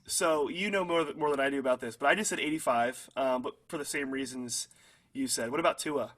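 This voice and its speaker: A man's voice: mid-range voice, brisk, fairly bright tone. A young man co-hosting a casual football podcast, chatty and hedging with fillers, often laughing at his own hot takes. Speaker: podcast co-host. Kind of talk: casual sports chat.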